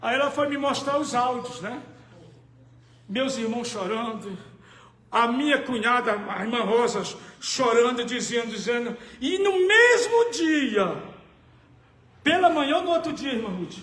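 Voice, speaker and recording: A Brazilian man, a pastor, giving a sermon testimony, moving between hushed storytelling and shouted preaching. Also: very high voice, echoey room. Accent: Brazilian Portuguese. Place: church hall.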